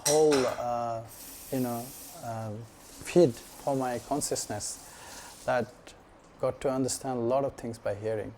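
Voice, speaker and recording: A man from Nepal, giving a casual personal testimony at a devotional gathering in a relaxed, halting way full of 'you know' fillers. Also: medium pitch, slight background noise. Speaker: devotee sharing his practice at a gathering.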